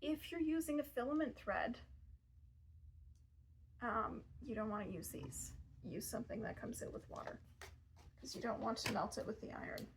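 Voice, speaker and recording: Against a noisy background, a thirtysomething woman in a fabric shop presents gift ideas in front of the fabric shelves. Her voice is a little high with lively intonation at normal speed, and she pauses often, staying chatty and self-deprecating with casual asides.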